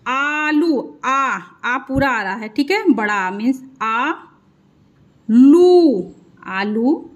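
Woman, kids' reading teacher, high voice, very slow, repeats every sound. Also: sharp tone. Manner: drawn-out syllables, repeats each sound, frequent "thik hai". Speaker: Hindi teacher for children. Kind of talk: slow spelling lesson, dictating sounds.

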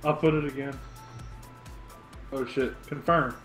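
A man's voice: medium pitch, fairly even intonation, unhurried, fairly bright tone, soft background music. A man in casual online game chat, exasperated and swearing. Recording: roomy echoey mic.

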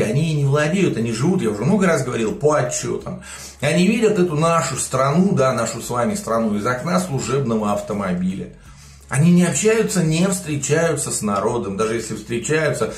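A political video blogger in his forties delivers emotional, indignant commentary to camera, gesturing heavily. He's in a home studio room with plants, and his medium-pitched voice sounds reverberant.

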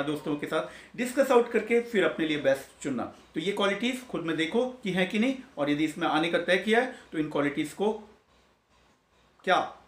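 Earnest man in his forties, echoey room. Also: high voice. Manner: earnest, mixes English terms, frequent "theek hai" and pauses. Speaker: pediatric consultant giving career advice. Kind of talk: casual advice talk to camera.

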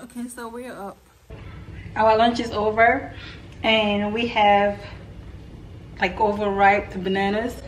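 A young woman narrates her day at home in a relaxed, chatty way, her pitch sitting in an ordinary middle range. A faint hiss of room noise hangs behind her voice, caught on a handheld camera indoors. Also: slow, pauses often, distant mic. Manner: chatty, talks softly and low at times. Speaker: vlogger, single mom. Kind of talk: casual home vlog narration.

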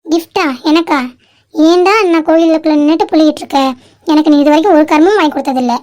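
A woman's voice: high voice, fast, a little mellow. A woman voicing a lovesick young girl student who pleads emotionally and mixes in English words. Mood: bantering. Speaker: channel creator voicing the lead. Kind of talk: amateur drama acting.

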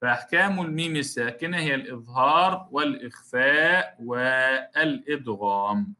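A man's voice: mid-range voice, normal speed, bright, forceful tone. A man teaching a recorded lesson on Quran recitation rules, explaining step by step, repeating key terms and speaking straight to his students. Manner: addresses students directly as a class.

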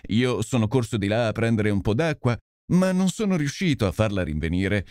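A man's voice: lowish voice, expressive, a little fast, a little mellow, smooth, no room sound, studio quality, natural voice. A man voicing a big, contrite police constable who pleads and apologizes for letting a stranger in. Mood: apologetic, pleading.

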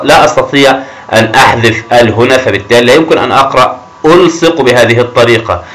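A man teaching a grammar lesson to young children, encouraging and often praising them, stretching words slowly as he reads them aloud. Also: medium pitch, fairly bright tone, poor audio. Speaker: primary school teacher.

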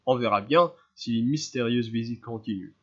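A man reading a story aloud, voicing a weary, gruff male police commissioner in a tired, curt way. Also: medium pitch, moderate pace, close to an everyday voice. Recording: slightly dull lo-fi sound.

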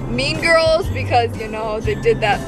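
A woman's voice: a little high, unhurried, low-quality recording. A teenage girl chatting casually while she drives, rambling with lots of fillers. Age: teens. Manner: rambling, hesitant, frequent fillers. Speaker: vlogger. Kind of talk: casual drive-along vlog chat. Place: inside a car, driving. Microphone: dash-mounted camera mic. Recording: loud music under the voice. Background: loud Christmas music from the car radio.

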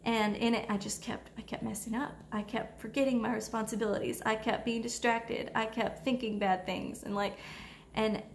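A young woman gently telling her personal faith testimony in a hesitant, soft-spoken way with many pauses and fillers. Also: on the high side, steady tone. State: tearful at times. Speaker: vlogger sharing testimony. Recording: echoey room with faint ambient noise.

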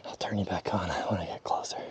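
A man's voice: sits low, fairly even intonation, fast talker. A man filming himself while hiking in the mountains, often whispering and out of breath from the climb. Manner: often whispering to avoid spooking game. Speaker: hunter filming a scouting trip. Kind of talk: hushed hiking vlog narration. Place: outdoors in mountain terrain. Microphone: camera mic carried while hiking. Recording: loud wind and outdoor noise on camera mic. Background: loud outdoor ambience.

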